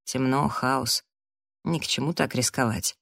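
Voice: mid-range voice, a little slow, vocal fry, fairly bright tone, no room sound, clean studio sound. An audiobook narrator reading a novel in the first person.

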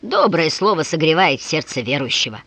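A woman reading as a bearded old peasant, stubborn and fond of a joke, who teases his rivals boastfully. Her voice stays lively and rises and falls a lot, in a dry, close audiobook recording. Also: deep voice, normal speed, vocal fry, breathy edge, no echo, full character voice.

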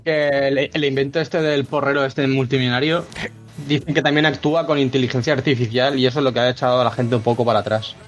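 A man, chatting as a podcast co-host. He talks fast and makes crude, joking asides. Faint music runs underneath. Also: medium pitch, little pitch movement. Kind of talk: casual podcast chat.

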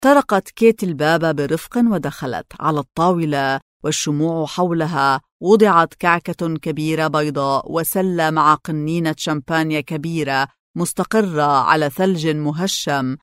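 A woman narrating a novel as an audiobook in a measured, steady way. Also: low voice, dry recording, studio quality. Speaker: audiobook reader.

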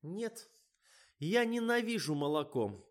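A man's voice: high voice, sing-song, takes it slowly, pitched above the performer's own voice, heavily acted. A man voicing a whiny, capricious young actress who complains plaintively. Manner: whining, plaintive.

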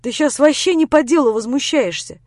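A woman's voice: sits high, moderate pace, darkish tone, dry recording, studio quality, pitched above the performer's own voice, close to an everyday voice. A woman voicing a young man who pleads with and soothes his upset girlfriend. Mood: flustered.

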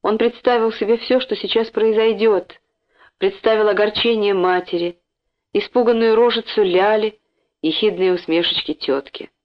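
A woman narrating a children's story in an expressive storytelling way, in a dull lo-fi recording. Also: mid-range voice, moderate pace. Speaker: audiobook narrator.

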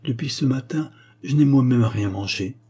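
A man's voice: medium pitch, moderate pace, creaky, mellow, slightly rough. A man voicing a poor, exhausted young soldier's wife who tells her troubles in a tired, pleading way. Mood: weary.

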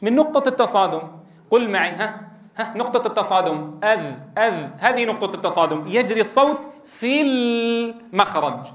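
A man's voice: high voice, animated, fairly quick, roomy sound. A middle-aged man teaching a classroom lesson, explaining and quizzing his students and drilling sounds aloud. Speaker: Quran recitation teacher.

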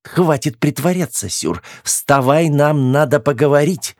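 A man reading an audiobook, voicing a stern, bossy young woman who gives sharp, commanding orders in a pitched-up voice. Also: big pitch swings, normal speed, no room sound, clean studio sound.

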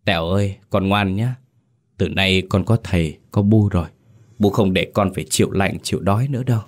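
A man's voice: deep voice, brisk. A man voicing a doting older village wife, anxious and pleading, in a told ghost story.

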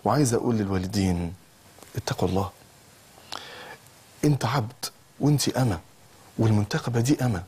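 A man's voice: on the low side, fast talker, pauses often, dark tone, slightly rough. A man with an Egyptian accent preaching a sermon, impassioned and full of rhetorical questions that rise to emphatic peaks. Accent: Egyptian Arabic. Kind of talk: religious sermon.

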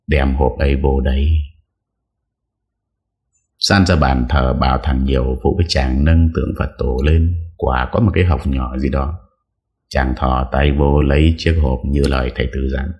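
A man narrating an audiobook story in a steady storytelling manner. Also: rumbling low, normal speed. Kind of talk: scripted narration.

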